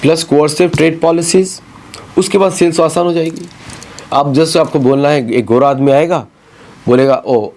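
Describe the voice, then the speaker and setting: Emphatic man with a high voice. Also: darkish tone. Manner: emphatic, mixes Hindi with English phrases. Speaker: commentator on current affairs. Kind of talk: talk-show commentary.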